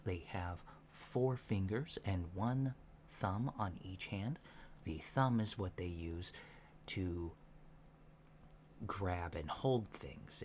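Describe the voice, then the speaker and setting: In a soft-spoken ASMR roleplay lecture, a man whose voice sits on the low side acts as an alien instructor disguised as a human. Hushed and unhurried, he's earnest, matter-of-fact, deadpan and deliberate in teaching, over lo-fi audio with constant background noise.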